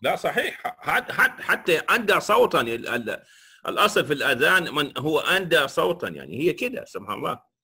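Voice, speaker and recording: A man's voice: on the high side, big pitch swings, fast talker, gravelly, sharp tone, breathy edge. A man from the community center joining an open conversation with short affirming remarks. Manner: affirming, brief interjections. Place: neighborhood community hall.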